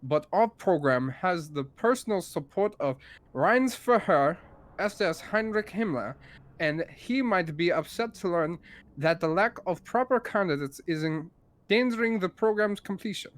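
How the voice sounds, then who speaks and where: A man voicing a stiff male wartime official reading out a letter, in a halting attempted German accent. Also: high-pitched, animated. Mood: formal. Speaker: streamer.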